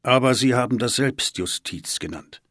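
A man's voice: medium pitch, expressive, normal speed, fairly bright tone, no echo, studio quality, pitched above the performer's own voice. A man reading the part of a tense, guarded teenage boy.

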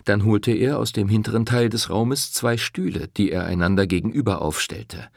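A man narrating an audiobook with expressive storytelling. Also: lowish voice, moderate pace, gravelly, no room sound, studio quality.

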